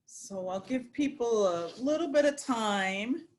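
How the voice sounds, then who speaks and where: A woman guiding a yoga nidra meditation, speaking in a slow, soothing, prayerful way. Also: a little high, animated, a little mellow. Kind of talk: guided meditation.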